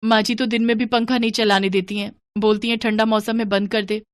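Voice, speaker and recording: Cartoon story: young daughter-in-law, voiced by a woman, raised pitch, pleading. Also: level tone, fairly quick, dry recording, close to an everyday voice. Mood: worried. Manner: pleading, politely complaining. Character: young daughter-in-law, patient but protesting.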